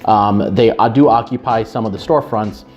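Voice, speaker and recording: A man's voice: fairly low pitch, normal speed, a little mellow. A man from Chicago, a real estate agent, talking earnestly to camera and often restarting his sentences. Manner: earnest, with frequent restarts and repeated words. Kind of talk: casual to-camera talk. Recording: slightly dull lo-fi sound with faint music.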